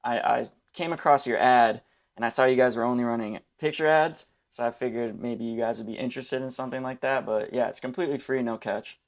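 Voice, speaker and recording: Young man, friendly sales pitch, dry throat, casual hesitant delivery. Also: steady tone, fairly quick. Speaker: videographer cold calling businesses. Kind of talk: casual phone sales calls and commentary.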